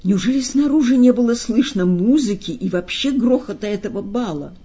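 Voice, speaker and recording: A woman voicing a curious, excitable young woman who is queen of a ball. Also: fairly high pitch, fairly quick, breathy edge, pitched above the performer's own voice. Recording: slightly dull lo-fi sound.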